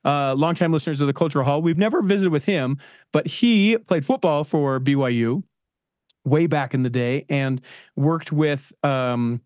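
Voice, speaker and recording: In a casual podcast interview, the male host rambles eagerly and keeps restarting his sentences. He speaks at a normal speed in a slightly high voice with a darkish tone, recorded at studio quality with no echo.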